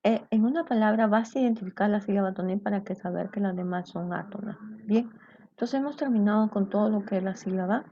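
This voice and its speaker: A fast-talking woman with a medium-pitched, dark-toned voice explains a grammar lesson to students step by step. Recorded dry with a dull lo-fi sound, she frequently asks "¿cierto?" and "¿bien?".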